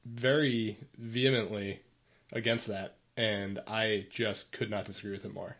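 A man's voice: fairly low pitch, little pitch movement, unhurried, fairly bright tone. A man co-hosting a podcast in casual chat, stating firm opinions and arguing his points. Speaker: podcast co-host.

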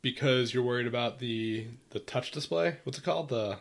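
A man's voice: medium pitch, moderate pace, gravelly. A man co-hosting a podcast in casual chat, stating firm opinions and arguing his points. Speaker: podcast co-host.

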